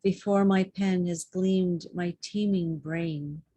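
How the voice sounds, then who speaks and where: A woman giving a poetry reading at a public library, reciting in a measured, deliberate way. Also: lowish voice, steady tone, dark tone, no echo. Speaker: poetry reader.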